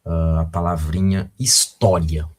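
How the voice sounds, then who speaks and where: A man's voice: sits low, flat delivery, takes it slowly, husky. A man with a Brazilian Portuguese accent teaching a recorded video lesson, patient and often checking in with the viewer.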